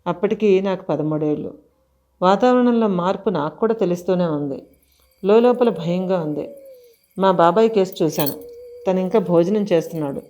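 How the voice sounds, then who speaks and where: A woman narrates a spooky audio story in the first person, measured and suspenseful. Her voice is low and mellow, and the recording sounds slightly dull and lo-fi.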